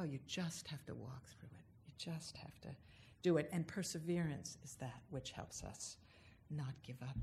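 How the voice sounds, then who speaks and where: Low-voiced woman giving a reflective talk. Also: darkish tone, a little hiss or hum. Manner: unhurried, thoughtful, drawn-out emphasis on key words. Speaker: speaker giving a reflective address.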